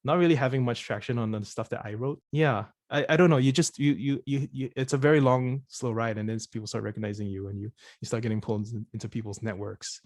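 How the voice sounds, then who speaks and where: Man from Singapore, casual Q&A, halting with repeated words, mid-pitched voice, dry close sound. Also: steady tone, darkish tone, no room sound. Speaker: presenter of the course session. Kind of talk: casual conversational Q&A.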